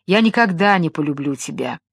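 A woman's voice: low voice, animated, fairly quick, breathy edge, no echo, heavily acted. A woman voicing a loyal young prince who pleads and defies in a storybook tale. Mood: defiant. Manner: pleading, defiant. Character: young loyal male prince, steadfast and defiant.

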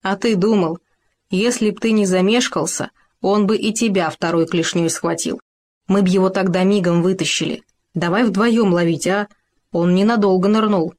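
A woman's voice: medium pitch, steady tone, normal speed, natural voice. A woman voicing a fussy, boastful male hamster who whines and grumbles indignantly in a children's story. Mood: whiny. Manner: plaintive, indignant shouting.

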